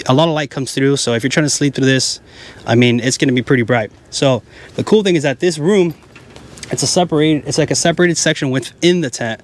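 Inside a large tent at a wooded campground, a man in his thirties walks around showing it off for his camping vlog, chatty and pointing out features. His voice is medium in pitch, picked up on a handheld mic with slight background noise.

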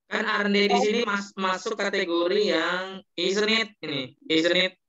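A man teaching an online English listening class, with a bright, forceful tone that sits a little high. He explains patiently and reads English examples aloud. The audio is muffled and lo-fi. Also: fairly even intonation, measured pace.

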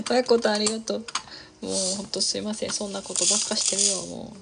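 A woman's voice: medium pitch, a little fast, vocal fry, very noisy. A woman chatting casually on a livestream while she crafts, rambling from thought to thought, laughing often and reading out viewer comments.

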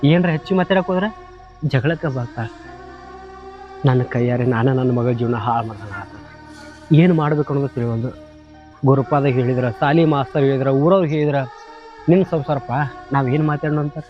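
A man's voice: mid-range voice, a little fast, long pauses, highs cut off, faint music behind, natural voice. An actor playing a troubled remarried village father, pleading in North Karnataka Kannada, in a short film drama.

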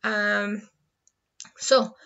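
A woman's voice: medium pitch, little pitch movement, drawn-out words, sharp tone, muffled recording. A woman teaching an English class online, switching between Spanish and English and checking in with "verdad?".

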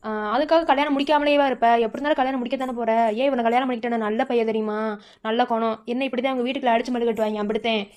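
A woman's voice: fairly high pitch, fairly even intonation, very fast, darkish tone, natural voice. A woman voicing a bossy elder sister in a cartoon, persuading insistently with a Madurai accent. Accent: Madurai Tamil.

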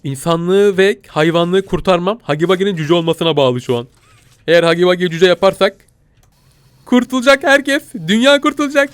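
A young man commentating a game he plays, panicking, shouting and laughing in mock fear. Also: high voice, fairly quick, smooth, dry recording. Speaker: gaming YouTuber. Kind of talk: excitable gameplay commentary.

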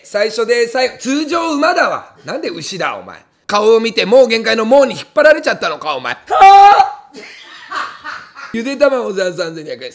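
A man with a high, gravelly voice reads out viewer comments on a livestream. He swings his pitch widely and snaps back at each one with angry comic outbursts, cracking up in loud laughs along the way. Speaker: comedian streamer. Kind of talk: livestream chat reading with comic rants.

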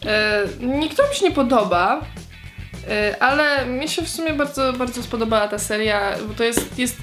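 A woman's voice: a little high, moderate pace, fairly bright tone, faint music behind. A young woman answering viewer questions in a casual vlog, chatty and hesitant, with many fillers and restarts.

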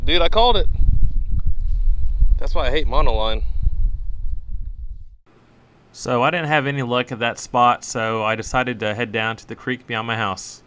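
A man's voice: mid-range voice, moderate pace, bright, forceful tone, a little hiss or hum, low-quality recording. A young man hosting a casual fishing vlog outdoors who swears freely, recorded on a head-mounted action camera. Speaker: vlogger host. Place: outdoors by a pond and creek.

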